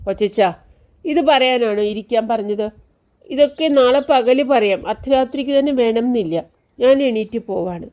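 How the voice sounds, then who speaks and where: A woman voicing a caring grown niece who gently coaxes and lightly scolds her sick uncle. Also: fairly high pitch, normal speed, close to an everyday voice. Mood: coaxing.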